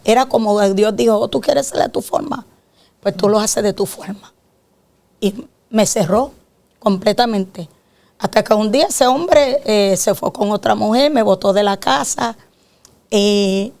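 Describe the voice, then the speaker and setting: A middle-aged woman pastor, telling her personal testimony in an animated, emphatic way. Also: mid-range voice, clean tone.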